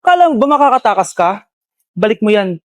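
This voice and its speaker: A woman performing short comedy skits and playing every role herself, switching between shrill and low character voices. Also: lively intonation, moderate pace. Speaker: comedy skit creator playing every part. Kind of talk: comedic skit acting with many characters.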